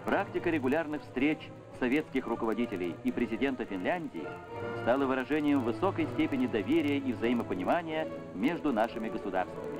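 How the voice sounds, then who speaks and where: A man narrates an old 1970s newsreel in a solemn, official, declamatory manner. His intonation rises and falls widely, and his pitch sits in the middle. Music plays clearly beneath his voice throughout. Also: expressive, brisk, rough recording. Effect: old 1970s newsreel soundtrack.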